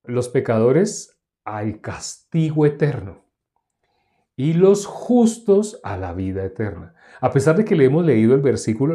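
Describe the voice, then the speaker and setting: A man's voice: mid-range voice, warm tone. A male preacher giving a teaching sermon in a conversational way, acting out back-and-forth dialogues with the people he talks to. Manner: conversational, acts out dialogues with listeners.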